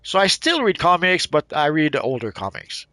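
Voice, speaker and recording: A gaming channel host from Quebec, Canada, with a mixed Quebec French accent, rambles over his gameplay with lots of ums, hesitations and restarts. His lively voice is fairly high, at a moderate pace, captured on a dry close mic with no room sound.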